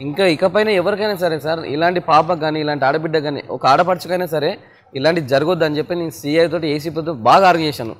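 Young man, grieving father, pleading, rapid speech, slightly high voice. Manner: pleading, addresses listener as sir. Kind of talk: emotional complaint.

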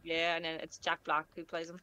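A woman's voice: deep voice, completely flat delivery, a little fast, pushed and bright, a little hiss or hum. A woman chatting casually with friends while playing a video game, with urgent bursts during play. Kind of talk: casual gaming chat.

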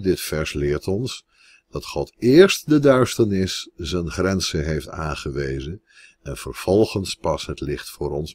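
Slow, deep-voiced man teaching. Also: husky, dry recording. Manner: slow and deliberate, stressing Hebrew words. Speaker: teacher of Biblical Hebrew. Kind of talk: grammar lecture.

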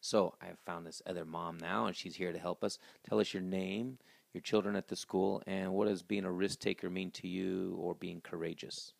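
A man in his thirties hosts a school video from a small office, presenting upbeat to camera with a handheld mic for a school announcement interview. His voice is low-pitched and steady in tone, with a moderate pace and some vocal fry. There's no room sound.

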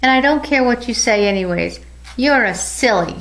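A shy, tender-hearted little girl doll, voiced by a woman reading a storybook. She speaks high and pleading, fretful and quick to worry. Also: animated, fairly bright tone, a little hiss or hum. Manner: timid and pleading.

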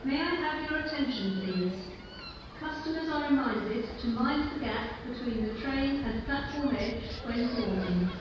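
A woman making formal recorded announcements over a railway station loudspeaker. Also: a little high, animated, measured pace, background noise. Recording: echoey, dull loudspeaker from far off.

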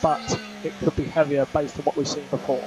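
A man speaks as a race engineer over team radio in a race car. His instructions come in short, clipped phrases, with key calls repeated. Car noise sits clearly behind the radio sound. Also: fairly high pitch, little pitch movement, a little fast.

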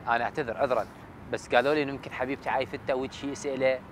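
Very fast-talking Iraqi male interviewer. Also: medium pitch, steady tone, a little hiss or hum. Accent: Iraqi Arabic. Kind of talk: conversational interviewing. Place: outdoors at night in a city park. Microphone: lapel mic.

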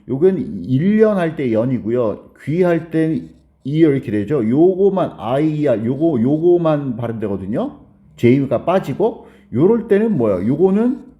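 A male teacher walks learners through a beginner grammar lesson, his pitch rising and falling a great deal as he explains. His tone is warm and mellow, never sharp. He keeps pausing to check that everyone has understood. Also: lo-fi sound. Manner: explains step by step, keeps asking "got it?"; acts out a student's question in a higher voice.

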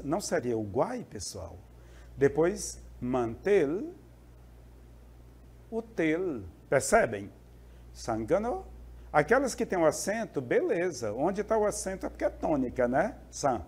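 A man's voice: a little high, sing-song, a little slow, a little mellow, husky. A male Spanish teacher explaining a lesson to students, often checking in with short questions. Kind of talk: classroom lesson.

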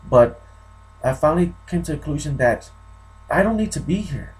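A man's voice: a little high, expressive, normal speed, darkish tone, low-quality recording. A man from New Mexico giving an unscripted vlog monologue, rambling and often repeating himself and restarting. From New Mexico, USA. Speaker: vlogger.

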